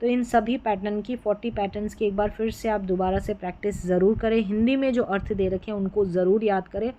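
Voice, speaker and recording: A woman's voice: medium pitch, steady tone, brisk, warm tone, a little hiss or hum, low-quality recording. A woman teaching an English reading lesson, patiently spelling out letter groups and then sounding out each word. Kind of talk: classroom-style phonics lesson.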